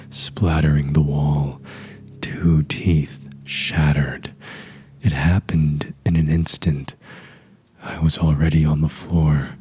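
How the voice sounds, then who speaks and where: A man narrating a horror story in a hushed, breathy, half-whispered delivery. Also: extremely low pitch.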